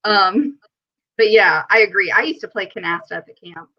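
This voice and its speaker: Over dull, lo-fi stream audio, a woman runs a casual livestream chat, giggling, chattering, and reading comments from viewers aloud. Her medium-pitched voice is animated at a moderate pace.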